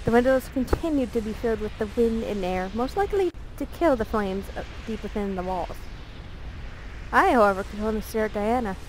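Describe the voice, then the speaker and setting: In a poor-quality recording with slight background noise, a woman with a slightly high voice reads a visual novel let's play aloud. She narrates playfully, expressively and fairly quickly, often stopping for jokey asides.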